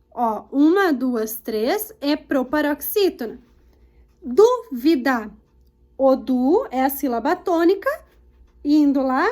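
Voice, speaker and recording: This is a Brazilian woman teaching young children in a recorded lesson, her voice sitting very high. She talks unhurriedly and leans on each example word, stretching it out syllable by syllable. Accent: Brazilian Portuguese. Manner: slow, drawn-out words spelled out syllable by syllable for children.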